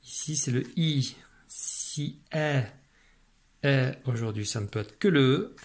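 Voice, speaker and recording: A male teacher leads a spelling dictation at an unhurried, deliberate pace. He speaks patiently and repeats each syllable. His voice sits at a middle pitch. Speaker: primary school teacher.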